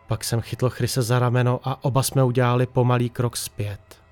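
A man narrates a first-person horror story in a hushed, tense manner. His voice sits at an ordinary pitch. Faint music plays underneath. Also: flat delivery.

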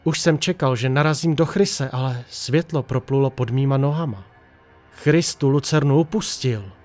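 A man narrates a first-person horror story in a hushed, tense manner. His voice sits at an ordinary pitch. Faint music plays underneath.

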